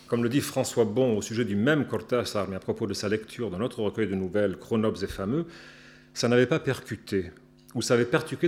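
A man, a writer, reading a prepared literary talk aloud at an event, measured and reflective with a light ironic touch. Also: on the low side, a little mellow.

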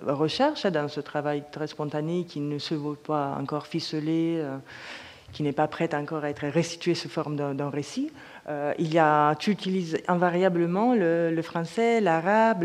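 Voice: mid-range voice, darkish tone, long reverb tail. A panel moderator asking questions with many hesitant restarts.

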